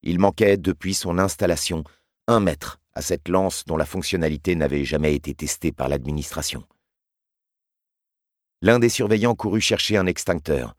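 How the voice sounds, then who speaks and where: A man reading a story aloud in a measured, grave way. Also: sits low, no echo, clean studio sound. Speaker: narrator. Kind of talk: scripted audiobook narration.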